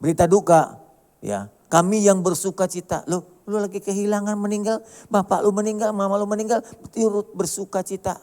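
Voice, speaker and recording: A male pastor preaching a sermon in a colloquial way, dropping to a hush and then rising to loud emphasis, and acting out the dialogue he quotes. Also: high voice, brisk. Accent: Indonesian.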